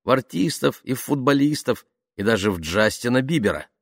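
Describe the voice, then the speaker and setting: A man reading an audiobook, voicing a bold, gossipy teenage girl with a lively, blunt manner. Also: mid-range voice, a little fast, no echo, clean studio sound, voice pushed up.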